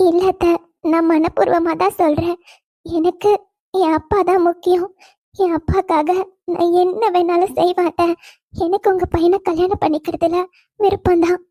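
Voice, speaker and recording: A woman's voice: extremely high pitch, steady tone, normal speed, warm tone, no room sound, studio quality. A woman voicing a dutiful young woman who is devoted to her father, in a cartoon, speaking with earnest resolve. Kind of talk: cartoon voice acting.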